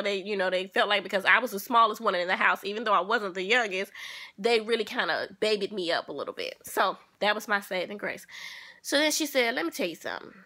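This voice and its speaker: A woman vlogger telling a personal story to her viewers in an animated, sassy way. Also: a little high. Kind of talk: casual storytelling.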